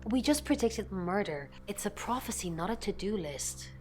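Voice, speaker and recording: A woman's voice: mid-range voice, expressive, moderate pace, darkish tone, a little hiss or hum, close to an everyday voice. A woman playing a dry, sardonic young woman. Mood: wry. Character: wry, guarded young woman. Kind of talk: game character dialogue.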